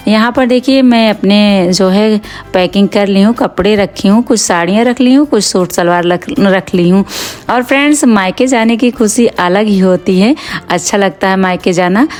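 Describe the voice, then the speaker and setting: A middle-aged woman vlogger narrates her day over home footage, chatting casually with viewers as if they were friends. Her voice is medium-pitched and a little mellow.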